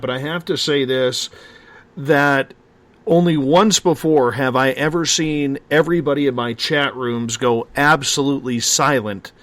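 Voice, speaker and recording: A man's voice: medium pitch, a bit bright, no room sound. A man hosting a casual interview, speaking in an informal, effusive way. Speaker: show host.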